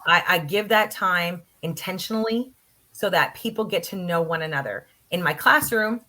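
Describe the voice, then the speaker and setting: A Canadian woman who teaches college gives a conference presentation in a lowish, sharp-toned voice at a moderate pace. She comes across as earnest and practical, though she uses a lot of fillers.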